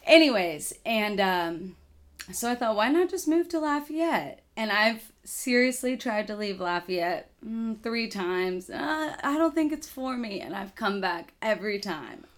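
A woman's voice: mid-range voice, expressive, unhurried. A young woman in her twenties from Texas, a guest in a casual interview, telling her family story in a rambling, chatty way.

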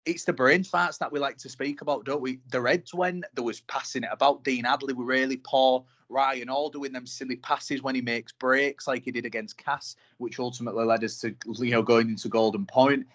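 A man, co-hosting a casual rugby league podcast, talking in an animated, frustrated fan's way. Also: medium pitch, a little fast, hardly any pauses, lo-fi sound. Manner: animated, frustrated fan talk. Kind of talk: casual sports chat.

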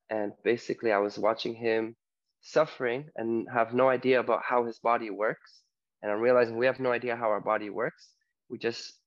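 A man's voice: mid-range voice, muffled recording. A man from Canada, a guest health coach, talking casually and loosely with many fillers over a video call. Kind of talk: casual interview talk. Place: home on an island in Spain.

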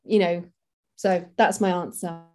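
A woman's voice: on the low side, fairly even intonation, a little slow, warm tone. A woman, a makeup artist, talking casually and practically in an interview, with many fillers.

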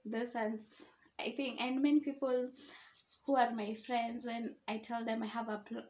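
A woman's voice: a little high, flat delivery, normal speed, dark tone. A woman in her twenties with a Kenyan accent, introducing herself in an informal, chatty, slightly hesitant way as a podcast host. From Nairobi, Kenya. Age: 20s. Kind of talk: casual personal introduction.

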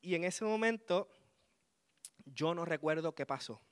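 A man, giving a lively spoken testimony to a congregation and chuckling as he tells his story. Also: fairly high pitch, unhurried, smooth.

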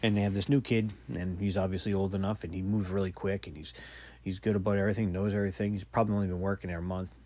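A man in his forties tells rambling, self-mocking stories alone on his podcast, swearing casually as he goes. His low-pitched, warm voice moves very fast but shows little pitch movement.

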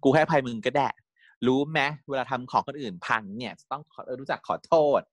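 A man voicing a bratty, excitable young male student in a playful, whiny tone. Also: medium pitch, fairly quick, dry recording, voice pushed up, close to an everyday voice. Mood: sassy.

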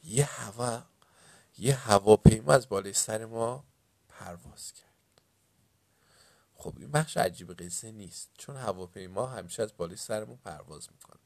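Lively male storybook narrator. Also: fairly low pitch, creaky. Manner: animated, raises his voice for shouts in the story. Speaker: audiobook narrator.

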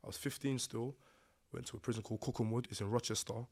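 A man with a London accent tells a personal story in a casual podcast setting. His delivery is roadman street talk, thick with slang, and his voice sits at a medium pitch. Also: steady tone, fast, darkish tone. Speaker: podcast guest.

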